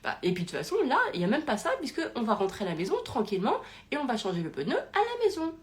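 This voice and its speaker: A woman's voice: a little high, quick pace. Woman playing an unflappable partner, matter-of-fact and reassuring. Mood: soothing. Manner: calm, soothing, matter-of-fact. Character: very calm, zen male partner reassuring her.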